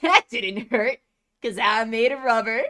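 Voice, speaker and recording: A fearless young pirate boy from a cartoon, blunt and breezy. His voice is light and high. He shrugs off danger with easy confidence. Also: a little slow, bright, forceful tone. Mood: cocky. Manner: easygoing, blunt, cheerful.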